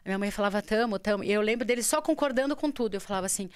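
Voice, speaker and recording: A woman with a Brazilian Portuguese accent, a podcast guest telling a personal story in an animated way and acting out the dialogue. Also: mid-range voice, very fast, clean tone, no room sound, studio quality. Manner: animated, acts out quoted dialogue.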